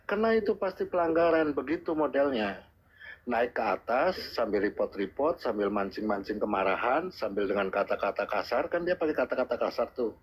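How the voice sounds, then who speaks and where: A man's voice: medium pitch, animated, a little fast. A man calling into a live stream, giving earnest, repetitive advice in a casual way. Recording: husky muffled lo-fi call audio.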